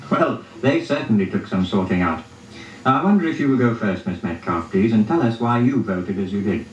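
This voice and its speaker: A man formally presenting a contest as host, in a polite, measured manner. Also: lowish voice, expressive. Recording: dull, roomy, distant archival audio.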